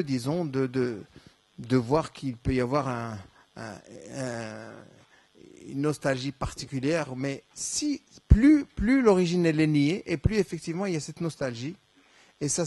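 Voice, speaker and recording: A Moroccan man whose native tongue is Darija answers conference questions in a lecture hall, restarting often and using many fillers. His mid-range voice has a darkish, slightly rough tone, and the recording has no echo.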